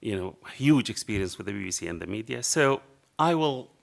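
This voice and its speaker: Speaking into a table microphone at a panel in a dark lecture hall, this middle-aged man with a strong Arabic accent tells a story, voicing both people in a conversation. He's passionate and animated, fairly quick, with a low-leaning gravelly voice and non-native phrasing in this anecdotal public talk.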